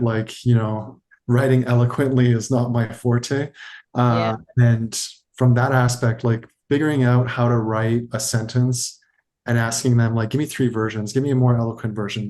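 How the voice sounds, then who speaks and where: A podcast co-host whose first language is French speaks in a medium-pitched, slightly mellow voice, flat in delivery and at normal speed. During the casual interview he rambles and hedges, using fillers and restarts.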